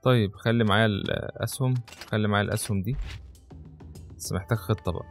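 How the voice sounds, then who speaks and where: A man with an Egyptian Arabic accent giving live gameplay commentary, muttering to himself and breaking into panicked yelling. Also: on the low side, fast, soft background music. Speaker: gaming channel host.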